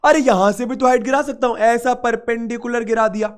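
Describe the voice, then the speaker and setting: A young man teaching maths in a live online class, lively and repetitive, coaxing students with playful asides, his throat slightly sore. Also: extremely high pitch, brisk, smooth.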